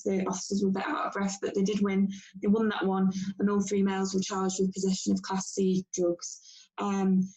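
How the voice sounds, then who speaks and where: Tired policewoman giving a flat report. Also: mid-range voice, rough recording. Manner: measured, factual report with frequent pauses. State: tired after a long shift. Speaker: police inspector. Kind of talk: briefing a council meeting. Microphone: video call.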